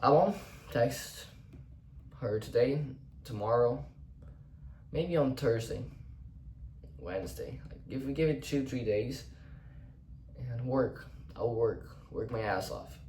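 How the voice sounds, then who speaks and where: A man's voice: mid-range voice, animated, slow pace, long pauses, darkish tone, recorded from a distance, slight background noise. A young man whose first language is Portuguese, thinking aloud in English in an unscripted personal monologue, rambling and restarting often, with some casual swearing. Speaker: vlogger. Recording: roomy echo, voice set back from the mic.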